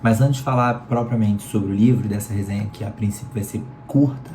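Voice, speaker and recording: A hoarse man from Rio de Janeiro, with a sore throat from a cold, reviews a book casually in a Carioca Brazilian Portuguese accent, chatty and leaning on "né?" tags. His voice is lowish, warm, and fairly even, and he talks briskly. He's in a room at home in Rio, with an electric fan running and slight background noise.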